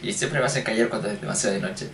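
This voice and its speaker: A man's voice: on the low side, very fast, gravelly, a bit bright, distant mic, a little hiss or hum. Chatty man narrating gameplay in a roomy echo. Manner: chatty, jokes and thinks aloud while exploring. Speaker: let's play gamer. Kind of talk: gameplay commentary. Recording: roomy echo, voice a bit off-mic. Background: game music.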